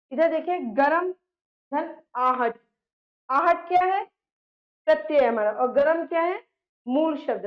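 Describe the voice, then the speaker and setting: A woman teacher with a high, light voice leads a grammar lesson at an unhurried pace. She poses questions to the class, answers them herself, and calls out example words loudly one at a time. The sound is slightly dull and lo-fi.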